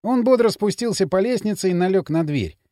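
Кастинг: выразительный чтец-мужчина, сухая студийная запись крупным планом. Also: male voice, sits high, fairly quick, dry recording, studio quality. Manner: expressive, animated reading. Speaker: audiobook narrator. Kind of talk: scripted narration.

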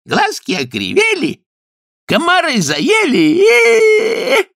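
A man's voice: very high-pitched, huge pitch swings, takes it slowly, vocal fry, a bit bright, no echo, studio quality, pitched above the performer's own voice, heavily acted. A man reading a storybook and voicing a chorus of mocking female swamp sprites in a squealing, sing-song voice. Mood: teasing. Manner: mocking, playful.

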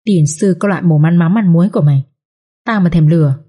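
A woman's voice: lowish voice, a little fast, dark tone, husky. A woman voicing a scheming young servant girl who whines and pleads, in a read-aloud story. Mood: defensive. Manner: whining, pleading.

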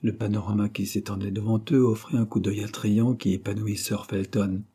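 Dark, husky male audiobook narrator. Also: lowish voice, level tone, normal speed. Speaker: audiobook reader.

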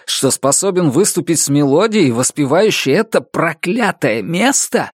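A man voicing a hoarse, desperate young musician. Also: very animated, moderate pace, no echo, studio quality. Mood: anguished. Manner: shouting, high and strained. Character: young male musician, guilt-ridden and desperate. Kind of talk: audiobook reading.

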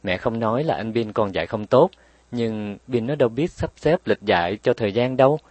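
A man voicing a tender but firm mother who explains patiently and scolds gently, in a raised voice. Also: medium pitch, normal speed, no room sound, close to an everyday voice.

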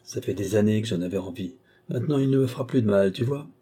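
A man's voice: on the low side, fast talker, mellow, breathy edge. A man reading an audiobook, voicing a bitter village woman who killed her husband, harsh and taunting.

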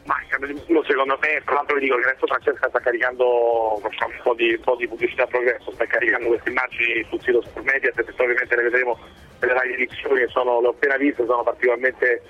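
A man's voice: medium pitch, level tone, fast talker, husky, soft background music. A man analysing football for a radio show over the phone, talking in long, reasoned stretches. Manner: fluent, reasoned analysis, piling up clauses. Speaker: football pundit joining the show remotely. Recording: narrow phone-line sound.

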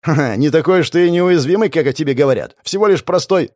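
A man's voice: a little high, quick pace, darkish tone, no echo, clean studio sound, pitched above the performer's own voice, natural voice. A man voicing a frightened young male aristocrat who stammers and pleads in disbelief. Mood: mocking.

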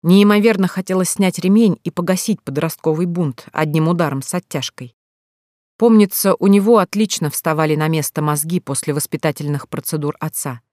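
An audiobook narrator reading a novel in an even, measured storytelling voice. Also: mid-range voice, no echo, studio quality. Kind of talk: scripted narration.

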